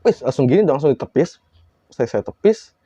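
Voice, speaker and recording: A man telling a horror story in a casual, lively way, acting out quoted lines with big jumps in his voice. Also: a little high, brisk, slightly rough, no room sound, highs cut off.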